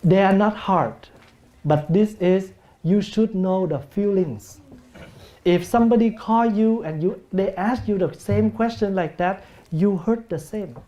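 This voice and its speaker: Slow, mellow Vietnamese-accented monk. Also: male voice, high voice, dull audio. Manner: gentle, plain-spoken, acts out family scenes with humor. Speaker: Buddhist monk teacher. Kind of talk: dharma talk with questions.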